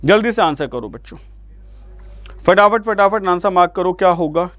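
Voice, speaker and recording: A man's voice: high-pitched, expressive, normal speed, a bit bright, no echo. A man with an Indian accent teaching an online vocabulary lesson, coaxing his students along and asking them for answers again and again. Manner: coaxing, repeatedly addresses students as "beta".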